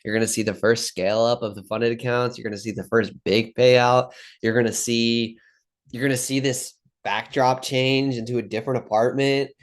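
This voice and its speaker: Young male vlogger, rambling, profane, bro-talk, plain middle pitch, trade recap to camera. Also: steady tone, normal speed. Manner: rambling, swears a lot, says bro and dude. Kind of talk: casual monologue to camera.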